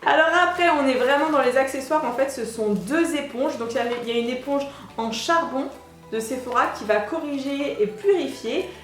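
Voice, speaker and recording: A young woman beauty vlogger chatting excitedly through a product unboxing, with lots of hesitations. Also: sits high, normal speed, faint music behind. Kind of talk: casual product unboxing chat. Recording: echoey room.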